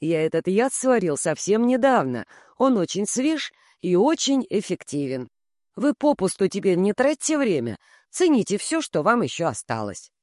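A composed young shinobi, as a man reads him in an audiobook calls out loudly and distinctly, pitched a little above the reader's own voice. Each word is measured and quietly pleased with itself. The sound is dry and close. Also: big pitch swings, no echo. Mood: coolly mocking. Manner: loud, clear, measured speech. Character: young male shinobi, calm, coldly pleased.

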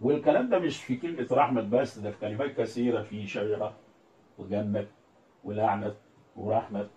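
A man's voice: lowish voice, a little fast, dark tone, highs cut off. Egyptian guy giving a quran lesson, explains bit by bit, sounds far from the mic in a roomy echoey space. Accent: Egyptian Arabic. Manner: explains step by step, quotes verses in recitation. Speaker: Quran recitation teacher. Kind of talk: religious lesson on Quran readings and script. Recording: echoey room, voice from a distance.

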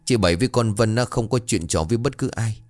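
A man's voice: on the low side, fast, dry recording, close to an everyday voice. A man voicing a caring, talkative older wife who frets over her husband. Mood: hushed.

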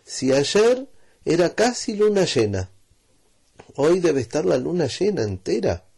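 Man doing a calm dad horse, low husky voice, slow. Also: exaggerated voice. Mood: reassuring. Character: calm, patient father horse.

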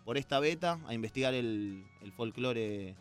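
A man of middling pitch with a Rioplatense Spanish accent recounts his band's early days as a radio guest. He talks in a loose storytelling way and drops joking asides. Faint music sits behind his voice. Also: animated, normal speed. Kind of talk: casual interview.

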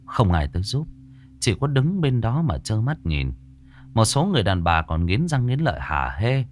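A man narrating a scripted horror story in a dramatic, expressive way. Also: lowish voice, normal speed, slight background noise.

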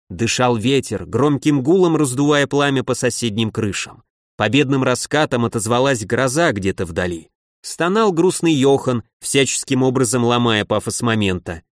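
A man's voice: medium pitch, no echo, studio quality. A man giving a wry, conversational first-person audiobook narration.

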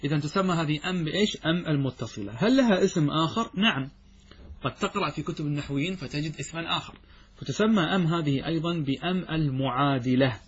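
A man with a husky voice and a fairly high pitch, giving a grammar lesson. He asks questions and answers them himself, and he slowly stretches out each quoted example. The recording sounds dull and lo-fi. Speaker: Islamic scholar teaching grammar. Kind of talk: classroom lecture.

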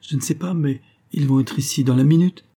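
A tender young lady of the manor, as a male narrator puts her on, her voice climbing high and pleading with breathless urgency. The tone is husky and darkly mellow, read aloud as a storybook scene. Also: brisk.

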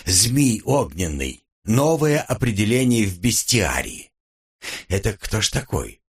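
A man narrates a first-person audiobook with a wry, dry touch. His voice is low and husky, and his intonation moves lively up and down. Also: a little slow.

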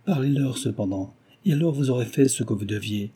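A man voicing a kindly, sensible older woman in an audiobook, reasoning calmly. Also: medium pitch, a little fast, slightly rough.

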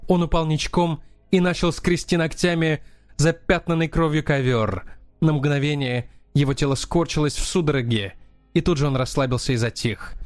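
A man narrating a crime novel as an audiobook in a steady, dramatic reading. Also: mid-range voice, no echo. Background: faint music.

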